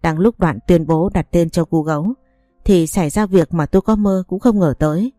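A woman reading a dramatic story in steady narration. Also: lowish voice, normal speed, no room sound, faint music behind. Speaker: audiobook reader.

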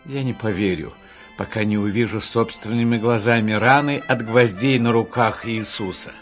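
A man's voice: on the low side, normal speed, highs cut off, faint music behind, natural voice. A man voicing the disciple Thomas in a storybook, a doubting grown man. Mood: stubborn.

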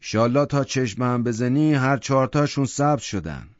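A man's voice: mid-range voice, no room sound, pitched above the performer's own voice, natural voice. A man playing a stern, curt father. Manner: curt, firm. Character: stern middle-aged father, gruff and curt. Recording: dull lo-fi audiobook recording.

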